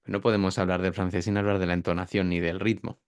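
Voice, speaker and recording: Talking fast in a low-pitched, flat voice, a man explains pronunciation as a guest in an interview. As a pronunciation teacher, he demonstrates sounds by drawing out words. The audio is studio quality, with no echo.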